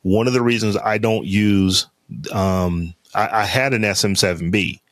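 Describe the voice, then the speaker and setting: A deep, lowish-voiced man talks a little slowly with fairly even intonation as a podcast co-host. The chat is casual and loose, full of fillers and restarts as he rambles and circles back. He's right up on a studio mic on a podcast interface, with dry sound and no room echo.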